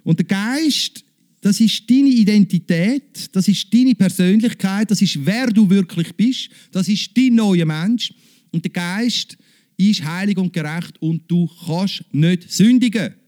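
Preacher, male, high voice, engages the congregation with questions. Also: measured pace. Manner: lively, asks the congregation questions. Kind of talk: sermon.

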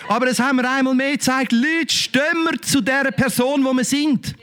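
A man's voice: very high voice, steady tone, normal speed, fairly bright tone. A middle-aged man with a Swiss German accent preaching a sermon as pastor, fervent and exclamatory, tossing rhetorical questions at the congregation.

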